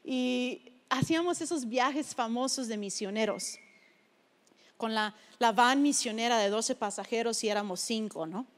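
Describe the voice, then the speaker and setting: High-voiced woman preaching from Mexico. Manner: animated storytelling, acting out family voices. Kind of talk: sermon with personal storytelling.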